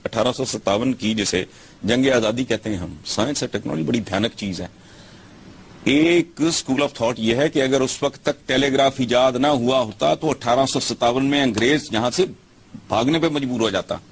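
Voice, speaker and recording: A man's voice: mid-range voice, slightly rough. A man giving scornful opinion commentary, lecturing with rhetorical questions.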